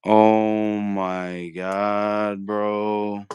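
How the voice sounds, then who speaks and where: In a very noisy recording, a man with a fairly low, monotone voice draws out his words. He's a cooking livestream host who rambles in slang while cooking, argues with his chat and can't stop saying "bro."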